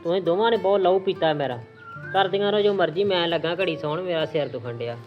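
A man's voice: high-pitched, fast talker, natural voice. A man with a Punjabi accent playing a weary husband stuck between his wife and mother. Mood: exasperated. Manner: pleading, exasperated. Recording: echoey lo-fi room with music.

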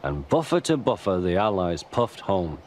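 A man's voice: deep voice, big pitch swings, normal speed, very noisy. A man narrating a children's railway story in a storybook style.

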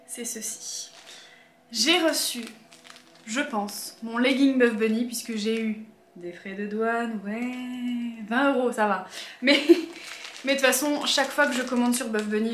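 A woman vlogger chatting to camera in a casual, excitable way, with frequent hesitations. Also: a little high, a little hiss or hum. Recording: echoey room with faint music.

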